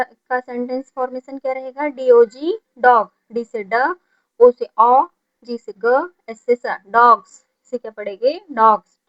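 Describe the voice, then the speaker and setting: A woman's voice: on the high side, muffled recording. A woman teaching a beginner phonics lesson, spelling out each word letter by letter, repeating it, and answering her own questions. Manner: asks questions then answers them herself. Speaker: English teacher.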